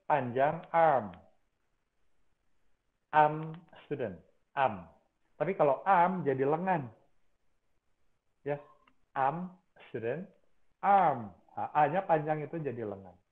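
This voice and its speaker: A man's voice: a little high, expressive, slow pace, pauses often. A male university lecturer, explaining phonology and repeating example words over and over. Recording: tinny phone-like sound.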